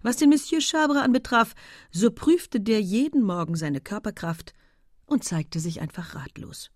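A woman narrating a literary audiobook in a soft, hushed manner. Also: medium pitch, lively intonation, unhurried, no echo, clean studio sound.

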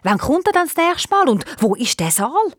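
A woman with a Swiss German accent voicing a thoughtful, stately male stork caliph who speaks in a measured way. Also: high-pitched, sing-song, no room sound, studio quality, voice pushed up. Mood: pensive. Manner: pensive, measured.

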